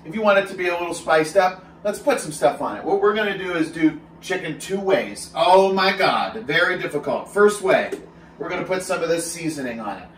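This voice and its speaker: Talking a little fast in a voice on the high side, a man in his thirties runs an upbeat, joke-filled fitness cooking demo in his small home kitchen. The camera mic, a few steps off, leaves him slightly off-mic in an echoey room with slight background noise.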